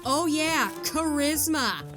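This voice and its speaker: Sassy sarcastic tomboy princess, high bouncy voice, slangy cartoon dub, kids music under it. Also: female voice, animated, takes it slowly. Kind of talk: animated comic dub acting.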